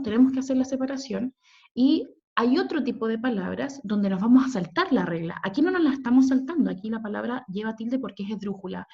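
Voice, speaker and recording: A woman teacher walks her students through a recorded grammar lesson, patiently spelling out letters and syllables and checking that they follow. Her voice sits fairly high, and the recording sounds dull and lo-fi. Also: a little mellow. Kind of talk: recorded online grammar lesson over slides.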